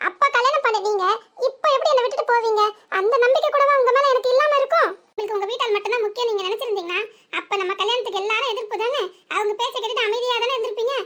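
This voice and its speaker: A woman's voice: very high-pitched, a bit bright. A woman voicing a hurt young wife. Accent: southern Tamil. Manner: emotional, reproachful. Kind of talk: cartoon voice acting.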